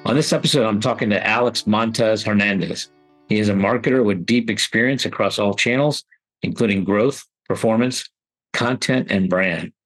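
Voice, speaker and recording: Male podcast host, lowish husky voice, polite and measured, inviting questions. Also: soft background music, rough recording. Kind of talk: interview hosting.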